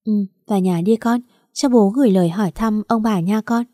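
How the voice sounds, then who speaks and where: A woman voicing a kind, gentle father-in-law who speaks reassuringly. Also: mid-range voice, a little fast, no echo, clean studio sound, lightly acted.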